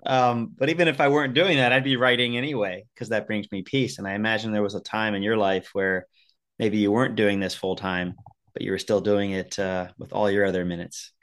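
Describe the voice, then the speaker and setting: An American man hosts a casual podcast interview, joking and teasing his guests as he asks questions. His voice sits a bit low. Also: steady tone, brisk, a bit bright. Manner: joking, chatty, teases guests. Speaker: podcast host.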